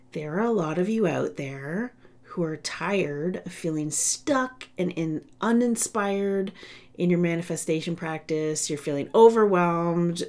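A woman podcast host with a ratchety, smoker's rasp in her voice, talking in an informal, playful, chatty way. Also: lowish voice, a little mellow. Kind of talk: upbeat casual solo podcast talk.

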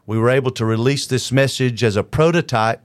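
Man, podcast host, loud announcer style, smooth resonant tone, dry sound. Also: fairly quick, no room sound. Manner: booming announcer-like delivery. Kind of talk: casual podcast chat. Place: studio room with soundboards.

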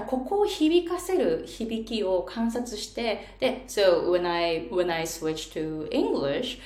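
A woman's voice: mid-range voice, reverberant. A woman pronunciation coach giving a casual spoken lesson and pointing to parts of her face as she explains.

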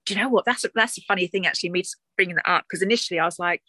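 A woman's voice: on the low side, rapid-fire, bright, forceful tone, dry recording. A woman with an Essex accent in a casual, reflective chat, talking in a chatty, conversational way as an interview guest.

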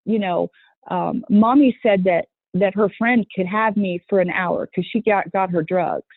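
In a dry recording with a tinny phone-line sound, a medium-pitched woman speaks at a measured pace. She runs a youth horse program and is being interviewed conversationally about her work with children, talking earnestly, backing up to restart sentences, and performing the voices of people she quotes.

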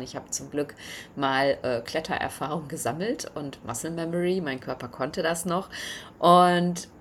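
A woman hosting a podcast, telling a personal story in a chatty, lively way with many fillers. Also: on the low side, a little hiss or hum. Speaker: podcast host. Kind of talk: reflective personal monologue.

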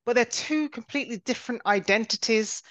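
A woman's voice: on the high side, a little fast, a bit bright, no echo, dull audio. A woman with an English accent hosting a casual, reflective interview, affirming and thoughtful as she talks. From United Kingdom. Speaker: podcast interviewer.

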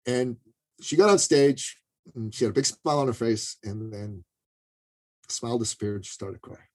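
A man with a husky, slightly breathy voice sitting in a mid-range pitch. He speaks as a podcast guest and business coach, telling a story casually. He leans often on "you know" and "right" as he goes. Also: moderate pace, a little mellow.

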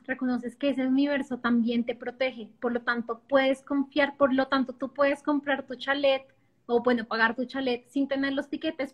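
High-voiced, lively woman. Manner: enthusiastic, expressive, acts out inner voices. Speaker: guest speaker on abundance. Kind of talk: casual podcast conversation.

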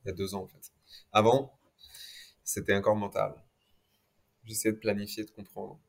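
A man's voice: on the low side, little pitch movement, moderate pace, gravelly. A man speaking as an interview guest, reflecting conversationally on his experience and dropping occasional English words into his French.

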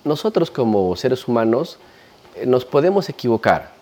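A man's voice: mid-range voice, moderate pace. A man with a Peruvian Spanish accent, an ayahuasca practitioner talking in a casual interview and animatedly acting out the people he describes. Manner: animated storyteller, acts out quoted voices.

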